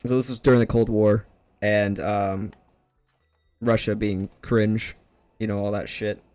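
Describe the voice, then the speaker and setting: A man's voice: fairly low pitch, level tone, a little slow, a little mellow, no echo, faint music behind. A man streaming games while telling a long, profane story in a sarcastic, rambling way. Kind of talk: casual rant over gameplay.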